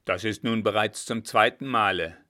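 A man voicing a gruff, irritable army captain who talks loudly and threateningly. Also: fairly low pitch, moderate pace. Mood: angry, barking. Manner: loud, barking and threatening.

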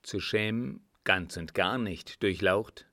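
A man reading an audiobook voices an earnest young army officer who speaks calmly and politely. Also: sits low, no room sound, studio quality, heavily acted. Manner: calm, measured and formally polite.

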